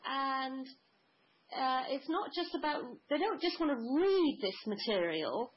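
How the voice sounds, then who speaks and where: A woman's voice: sits high, lively intonation, measured pace, lo-fi sound. A woman guest in a spiritual conversation, speaking in a flowing, mystical way, piling up long lists.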